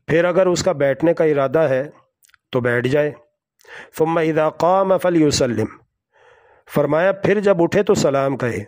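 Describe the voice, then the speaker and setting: Slow, deliberate Urdu-speaking male preacher. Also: on the high side, a little mellow. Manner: slow, deliberate, with measured pauses; recites Arabic hadith and Quran verses. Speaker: Islamic preacher. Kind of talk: religious lesson.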